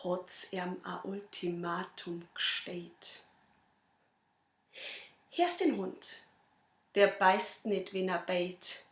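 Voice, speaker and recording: A woman with a Bavarian accent, a cabaret performer reciting a dialect poem in a measured, rhythmic way. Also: lowish voice, steady tone, reverberant. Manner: measured, rhythmic verse delivery.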